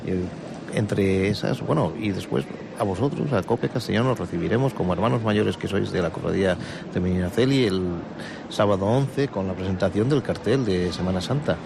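A man's voice: low voice, moderate pace, creaky. A man with an accent from Spain answering as a club spokesman in a live radio interview, in formal wording with some hesitations. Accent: Spanish, from Spain. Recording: noisy outdoor urban setting with traffic. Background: street and vehicle noise.

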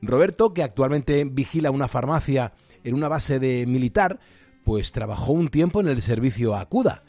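A man reads a scripted radio report in a clear, measured way. His voice sits at a middle pitch. The studio sound is dry and close. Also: animated, darkish tone, dry recording, faint music behind.

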